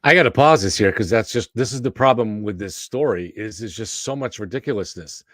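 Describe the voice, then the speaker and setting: A man with a low voice in a very dry recording. He talks casually as the host of an online show, commenting live on the news. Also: brisk, a bit bright, no echo.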